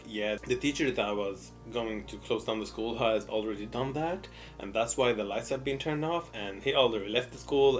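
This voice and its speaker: A young man telling a casual personal story, repeating words for emphasis and acting out both sides of conversations in an animated way. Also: fairly low pitch. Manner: animated retelling with repeated words and quoted dialogue. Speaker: mukbang storyteller.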